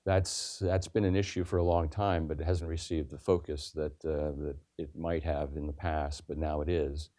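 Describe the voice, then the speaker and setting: Deep-voiced man on a panel. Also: little pitch movement, normal speed, hardly any pauses, dark tone. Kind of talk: panel discussion answer.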